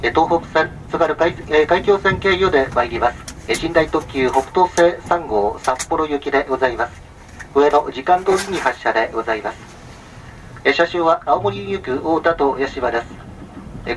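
Over a sleeper train's public address speaker, a male conductor makes a formal, polite announcement, listing items in a measured way with small filler sounds. His voice is fairly high and far from the mic. The PA sounds muffled and distant amid vehicle noise.

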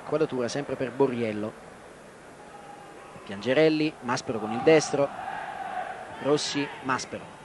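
A football commentator with a mid-range voice calls the game at an unhurried pace, pausing often. He still uses short, clipped phrases and names players as they touch the ball. The old broadcast carries loud outdoor stadium ambience.

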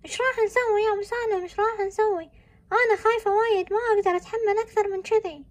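A woman's voice: extremely high pitch, fairly even intonation, rapid-fire. A woman playing a fearful middle-aged mother in a family drama, full of anxious exclamations.

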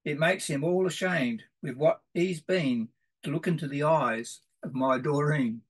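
A man's voice: on the high side, measured pace, slightly rough, poor audio. A man voicing a lovestruck young Australian larrikin bloke who talks in slang with a lilting, besotted manner.

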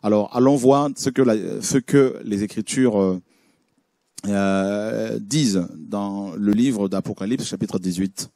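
A man's voice: on the low side, takes it slowly, warm tone, no echo, clean studio sound. A man preaching a sermon, reading scripture aloud and commenting on images, with frequent fillers and restarts. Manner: hesitant, many fillers and restarts.

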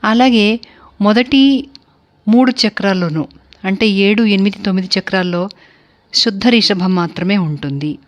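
A woman's voice: mid-range voice, moderate pace, pauses often. A woman from India giving a spoken music theory lecture, explaining steadily and listing terms one by one.

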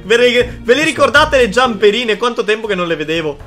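A man's voice: extremely high pitch, animated, a little fast, bright, forceful tone, faint music behind. A man, giving casual reaction commentary on game clips, trying not to laugh, repeating himself with playful mock sympathy. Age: 20s. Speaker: gaming video host. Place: indoor streaming setup.

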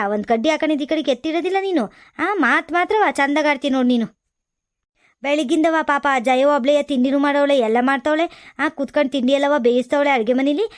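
A woman's voice: high-pitched, natural voice. Woman playing a nagging village mother-in-law. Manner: nagging, sarcastic, scolding. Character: scolding older village mother-in-law, sharp-tongued. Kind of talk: village comedy skit.

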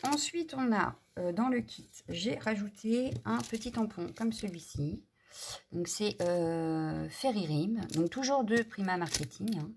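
A woman's voice: mid-range voice, expressive, a little slow, a little mellow, a little hiss or hum. A woman chatting casually through a craft haul, hesitant and full of fillers. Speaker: craft vlogger.

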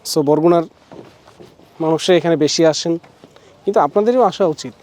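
A man from Bangladesh gives a chatty, casual walking tour in a high but mellow voice. He talks outdoors among forest trees and sprinkles in English words. He stops often to correct himself mid-sentence. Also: moderate pace. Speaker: travel vlogger. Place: outdoors at a forest riverside resort.

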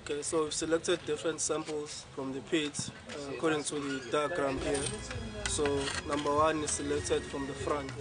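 A man's voice: fairly high pitch, flat delivery, normal speed, over music. A man explaining sampling step by step at an outdoor field site. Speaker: field researcher.

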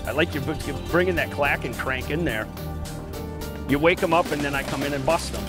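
Out on a boat on an open lake, a man hosting a fishing show demonstrates and chats as an angler in a folksy, colloquial way. His voice is a little high and a little fast, with music in the background.

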